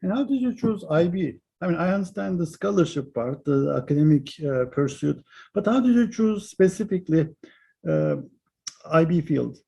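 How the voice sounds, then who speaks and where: Man, very gravelly, husky, polite brief questions, interview host. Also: fairly high pitch, expressive, moderate pace, warm tone.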